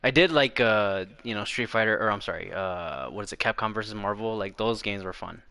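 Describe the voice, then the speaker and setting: A man's voice: lowish voice, a little fast, bright, forceful tone, smooth. A young man hosting a casual gaming chat, laid-back, often laughing as he reads the chat. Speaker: podcast host reading chat.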